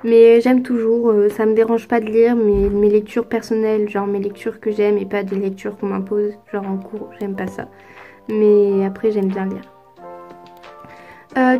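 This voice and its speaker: A woman's voice: fairly high pitch, mellow. A teenage girl from France answering viewer questions in a casual vlog, chatty and hesitant with lots of fillers. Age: teens. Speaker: youtuber.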